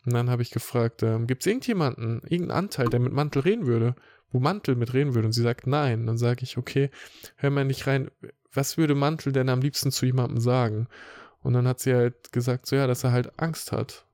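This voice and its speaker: Man, gravelly, dry recording, coach, long explanatory monologue. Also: medium pitch, fairly quick, a little mellow, no echo. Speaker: emotion coach. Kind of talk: casual podcast talk.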